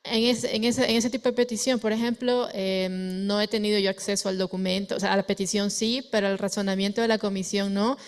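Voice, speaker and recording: Hesitant creaky-voiced woman from Ecuador. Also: mid-range voice. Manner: hesitant, many fillers and restarts. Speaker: panelist. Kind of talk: academic panel discussion.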